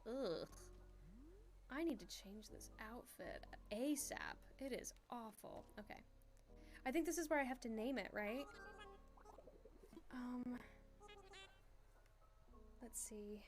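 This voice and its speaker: A young woman chatting casually while streaming a game, excitable, giggly and self-deprecating. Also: on the high side, slow pace, pauses often, faint music behind. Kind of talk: casual gaming stream chat.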